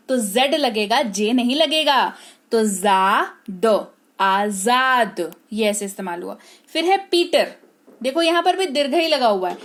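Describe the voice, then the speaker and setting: A woman teaching English spelling, speaking patiently, repeating words slowly and checking that her students follow. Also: high voice, fairly bright tone. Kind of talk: explaining spelling to learners.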